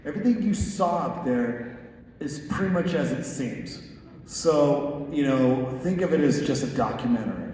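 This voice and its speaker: A man's voice: medium pitch, lively intonation, moderate pace, a little mellow, slight background noise. Guy hosting a live q&a, jokey with lots of ums, big roomy hall, mic far away. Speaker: panel moderator. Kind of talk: casual onstage Q&A hosting.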